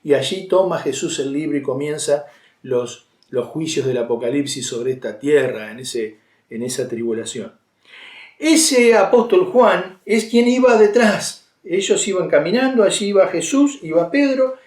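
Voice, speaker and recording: A man's voice: on the high side, moderate pace, darkish tone, reverberant. A man with an Argentine accent preaching a sermon in a conversational way, with many fillers and restarts. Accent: Argentine Spanish.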